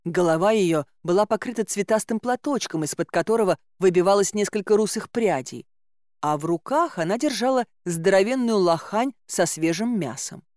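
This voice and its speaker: A woman narrating a first-person audiobook in a measured, lightly ironic storytelling manner on a close mic. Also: medium pitch, expressive, darkish tone, no room sound.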